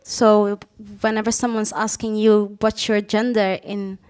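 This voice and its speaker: A woman moderates a live panel on stage before an audience without microphones, asking questions and restating answers to check she understood. Her mid-range voice is clean, darkish and unhurried, with little pitch movement.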